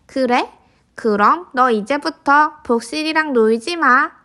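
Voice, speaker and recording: A woman's voice: high-pitched, slow, pushed and bright, full character voice. A woman voicing a bossy, possessive young girl, the big sister in a picture book read to toddlers. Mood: curt, possessive.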